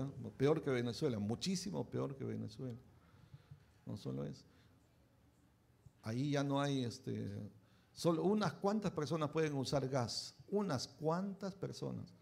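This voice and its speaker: A man's voice: medium pitch, vocal fry, darkish tone, breathy edge. A pastor preaching a conversational sermon, often checking in with his listeners with short tag questions.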